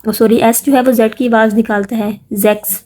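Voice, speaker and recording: Soft-toned woman teaching slowly. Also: on the high side, steady tone. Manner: spells words letter by letter and repeats slowly; coaxing, asks listeners to repeat after her. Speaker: language teacher. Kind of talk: casual spoken lesson.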